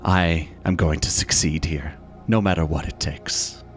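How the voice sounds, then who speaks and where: Man doing a smug gaunt villain, very low voice, menacing, mocking, tabletop game. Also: steady tone, a little slow, soft background music. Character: gaunt sinister male villain, cold and smug. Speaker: villain played by the game master.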